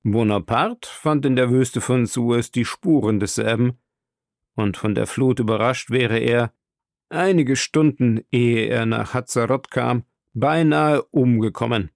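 A man narrating an audiobook in a steady, measured reading. His voice has a gravelly fry, and the sound is dry and close to the microphone. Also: medium pitch, no echo.

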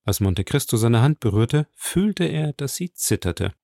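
A man narrates a classic novel in a steady, measured audiobook reading. His voice is mid-pitched with a gravelly edge. The recording is close and dry, with no room sound. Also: no room sound. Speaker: audiobook reader. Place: coworking space.

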